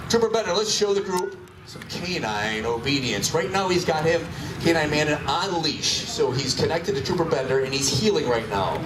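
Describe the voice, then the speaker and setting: A man announcing a live police dog demonstration with playful, showman-like commentary. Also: on the high side. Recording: distant echoey PA, loud crowd noise.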